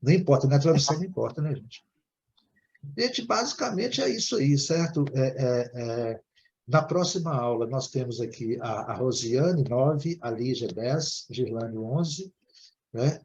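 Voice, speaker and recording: A Brazilian Portuguese-speaking man teaching an English class online, explaining at length and ending nearly every phrase with a quick "né?". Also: mid-range voice, expressive, darkish tone, lo-fi sound.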